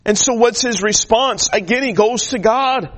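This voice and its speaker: High-voiced earnest male preacher. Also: moderate pace, a bit bright. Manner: earnest, restarts often, builds to emphatic declarations; shy by nature. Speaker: traveling preacher. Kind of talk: sermon.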